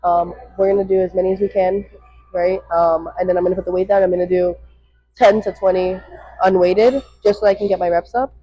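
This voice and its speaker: A woman fitness vlogger gives casual, chatty exercise instruction, rambling and self-deprecating as she exerts herself. Her voice is on the low side with fairly even intonation and a slightly fast pace, with no echo, but the worn microphone makes the audio dull and slightly muffled.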